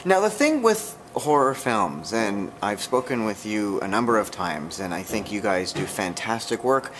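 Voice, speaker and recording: A man's voice: lowish voice, sing-song, moderate pace. A man asking questions as an entertainment interviewer, casual and effusive, like a keen fan. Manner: effusive, fannish. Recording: clear background noise, event ambience.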